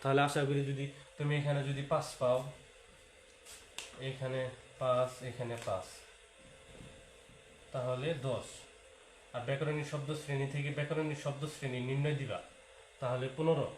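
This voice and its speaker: A man's voice: mid-range voice, little pitch movement, brisk. A man giving an exam-prep lecture to students, repeating key points and mixing in English words. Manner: repetitive, talks straight to students, sprinkles English words. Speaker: teacher. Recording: echoey room with faint hiss.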